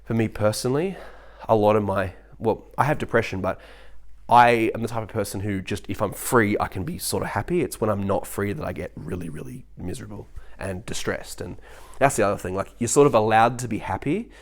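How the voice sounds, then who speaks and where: A man talking to camera in a rambling monologue, animated and quick, with many restarts and mock voices when he quotes people. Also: on the low side. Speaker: vlogger.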